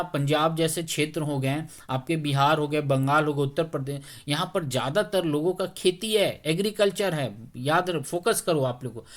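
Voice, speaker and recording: A male teacher, a little under the weather, talking slowly through exam questions in a conversational way and often checking whether students follow. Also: fairly high pitch. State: slightly unwell, speaking slowly.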